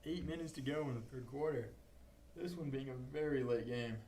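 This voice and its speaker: A young man doing play-by-play commentary for a high school football livestream, calling each snap in rising bursts. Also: a little fast, dark tone, a little hiss or hum. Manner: calls plays in rising bursts. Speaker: play-by-play announcer.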